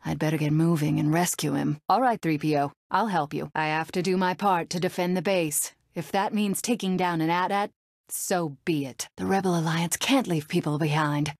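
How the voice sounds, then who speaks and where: A woman voicing a brave, sardonic young rebel princess in a video game, with a crisp, resolute and dryly sarcastic manner. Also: sits low, moderate pace, no room sound, studio quality.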